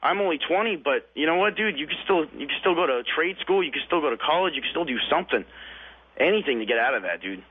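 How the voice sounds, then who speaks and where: A young man in his twenties calls in to a radio show. He talks bluntly and casually, scattering "dude" and "man" through his advice. His voice sits a bit high and comes through a tinny phone line. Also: lively intonation, fast, husky. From California. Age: 20s. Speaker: caller. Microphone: telephone.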